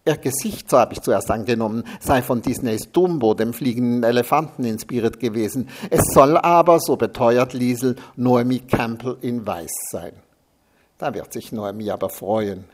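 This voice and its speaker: A man's voice: medium pitch, normal speed, darkish tone. A man reading a humorous first-person story aloud, with a sardonic, dryly mocking delivery. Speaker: narrator.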